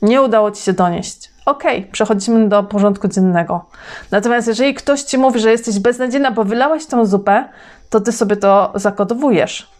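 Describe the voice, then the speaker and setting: Deliberate woman giving self-help advice. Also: medium pitch, a little mellow. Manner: slow, deliberate, speaks directly to the listener. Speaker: self-help channel host. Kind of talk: self-help monologue addressed to women.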